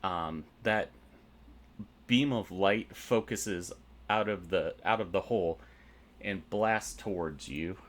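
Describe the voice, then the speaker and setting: Deep-voiced man running a tabletop game. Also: takes it slowly. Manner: methodical, explains rules step by step. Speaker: game master.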